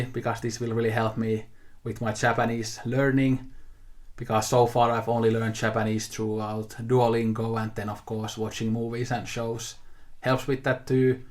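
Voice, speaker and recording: Hosting a haul video, a twenty-eight-year-old native Finnish speaker chats to camera without a script about his new things. He speaks at normal speed in a flat, medium-pitched voice, easygoing and rambling, often using fillers and restarting sentences.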